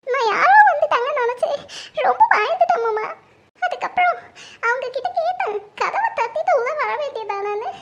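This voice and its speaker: A woman acting as a hurt young wife in a family drama, her voice pitched extremely high and pleading through tears. The recording sounds dull and lo-fi, with its highs muffled. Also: animated, fairly quick, a bit bright. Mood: tearful. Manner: tearful, pleading.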